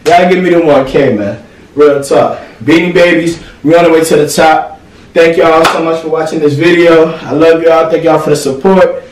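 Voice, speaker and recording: A young man films a relaxed clothing haul, his fairly high voice set back from the camera in an echoey room with a faint hiss. He talks in loose slang and keeps checking in with the viewers. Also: normal speed, recorded from a distance. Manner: slangy, laid-back, keeps asking "you feel me". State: out of breath. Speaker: vlogger. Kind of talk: casual haul vlog.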